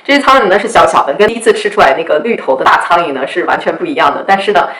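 A woman's voice: lowish voice, animated, rapid-fire, fairly bright tone, echoey room, slight background noise, rough recording. A woman telling stories to her viewers in a casual, chatty way, often asking "you know?". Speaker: vlogger. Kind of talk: casual storytelling.

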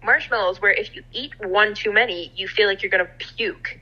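A woman's voice: medium pitch, normal speed, pushed and bright, muffled recording. A young woman co-hosting a podcast, chatting casually and swearing freely. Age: young adult. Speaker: podcast co-host. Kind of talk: casual chat.

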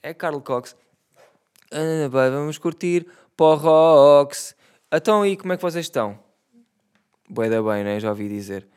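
A man's voice: medium pitch, normal speed, pauses often, clean tone. A young man with a European Portuguese accent, ranting profanely and comically in a casual monologue.

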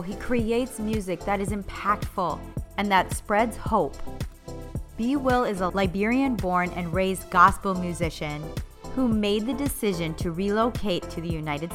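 A woman's voice: mid-range voice, fairly bright tone. A woman from North Dakota hosting a podcast, introducing her guest and chatting in an upbeat, encouraging way. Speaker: podcast host.

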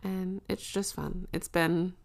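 A woman's voice: on the low side, level tone, slow, vocal fry. A woman in her twenties co-hosting a casual podcast chat, chatty and supportive, swearing casually. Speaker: podcast co-host.

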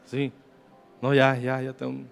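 A man's voice: mid-range voice, completely flat delivery, unhurried, creaky, faint music behind. A Mexican man in his fifties, a pastor preaching to a congregation in a joking, slangy, conversational way and reading scripture aloud. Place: church service.

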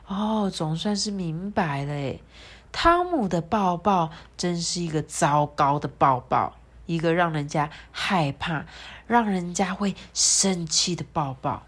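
A woman reading a children's picture story aloud in a gentle, sing-song way, voicing the characters now and then. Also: fairly low pitch.

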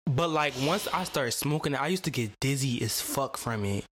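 A woman's voice: extremely low pitch, expressive, normal speed, a crowd in the background. Blunt, casual woman podcast co-host. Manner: casual, filler-heavy, blunt and profane. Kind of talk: casual chat.

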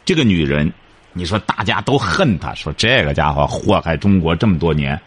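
A man's voice: low-pitched, animated, normal speed, slightly rough. A man hosting a radio advice show, lecturing a caller in an emphatic, repetitive way.

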